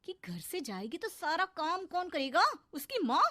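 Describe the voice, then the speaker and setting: A woman's voice: fairly high pitch, expressive, normal speed, very noisy, lightly acted. A woman voicing a bitter middle-aged stepmother who taunts and complains in a cartoon story. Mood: taunting.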